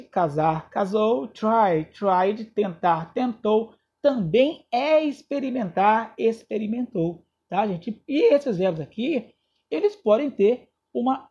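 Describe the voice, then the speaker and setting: A man's voice: high-pitched, a little mellow, husky, dull audio. A man with a Brazilian Portuguese accent, teaching a recorded English grammar lesson and often checking in with his students. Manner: checks in with students often, spells out endings letter by letter.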